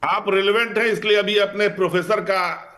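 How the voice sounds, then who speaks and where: A man speaking as a panelist in a TV debate, measured and dismissive. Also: sits high, steady tone, bright, forceful tone. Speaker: party spokesperson in a TV debate.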